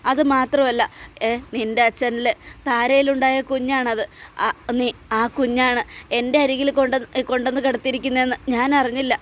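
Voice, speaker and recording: A woman's voice: sits high, lightly acted. A woman voicing a grieving middle-aged mother who tearfully confesses a painful secret and apologizes.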